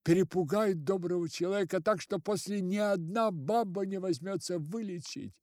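A man's voice: sits high, moderate pace, no room sound, studio quality, voice pushed up, close to an everyday voice. A man doing frightened, babbling village constables. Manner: excited, babbling.

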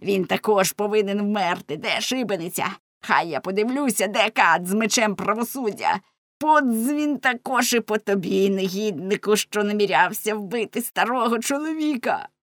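A woman reading an audiobook voices a spiteful old male fishmonger with shrill, vindictive cries. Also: fairly even intonation, a little slow, darkish tone, dry recording, clean studio sound.

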